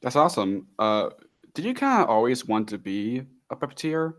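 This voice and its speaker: A man hosting a podcast, opening the show in an upbeat, welcoming way. His voice sits at an ordinary middle pitch. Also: very animated, normal speed. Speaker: podcast host. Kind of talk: casual interview.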